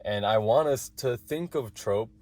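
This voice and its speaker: A man as a guest, explaining Torah chanting earnestly in conversation, with quick asides. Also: medium pitch, a little mellow.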